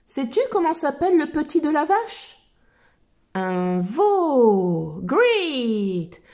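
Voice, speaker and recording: Dora, a woman doing a bright explorer girl. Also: high-pitched, sing-song, extremely slow, heavily acted. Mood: cheerful, questioning. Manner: bright, questioning, quiz-like. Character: cheerful young explorer girl. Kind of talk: children's storybook reading.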